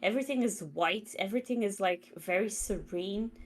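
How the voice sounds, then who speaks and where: Unhurried woman co-hosting a stream. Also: medium pitch. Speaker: stream co-host. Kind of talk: casual live-stream chat.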